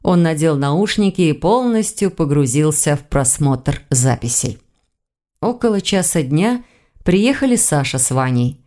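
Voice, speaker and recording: A woman narrating an audiobook in a steady, unhurried reading. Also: deep voice. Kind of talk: scripted narration.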